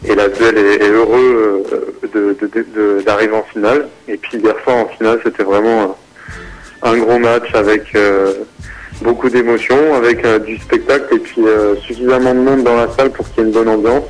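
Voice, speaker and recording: A man's voice: on the low side, fairly even intonation, moderate pace, low-quality recording. Man talking over the phone, hesitant. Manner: rambling, many hesitations and restarts. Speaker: basketball consultant. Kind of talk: casual radio sports analysis.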